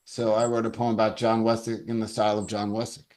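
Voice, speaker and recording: A man's voice: lowish voice, monotone, quick pace, darkish tone. A man from New York, the featured poet, chatting casually and sardonically on a video call. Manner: sardonic, joking. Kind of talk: casual chat.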